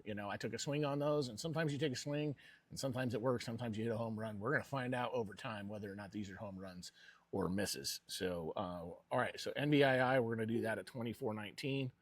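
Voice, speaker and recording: A man's voice: lowish voice, fast, dry recording. A man hosting a personal investing vlog with casual, rambling commentary.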